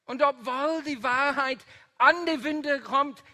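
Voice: high-pitched, slow pace, pushed and bright, pitched above the performer's own voice, full character voice. A preacher voicing a grieving adult male apostle who pleads in a raised, impassioned voice. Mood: anguished pleading.

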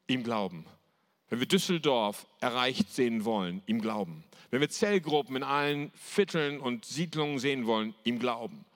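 A man's voice: medium pitch, fairly bright tone. A male pastor giving a sermon, telling stories with emphatic repetition. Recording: long hall reverb.

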